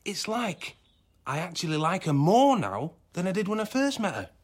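An actor playing a smarmy, breezy boss in a radio sitcom, glib and chummy. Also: male voice, high-pitched, very animated, moderate pace. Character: smarmy, breezy young male boss who discards his friends.

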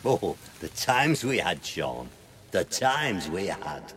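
An actor playing a self-pitying gardener, wistful and grandiloquent in a radio sitcom. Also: male voice, low-pitched, big pitch swings, slow pace, a loud crowd, full character voice. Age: 30s. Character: weary, self-pitying male gardener in his thirties, cast out by his boss.

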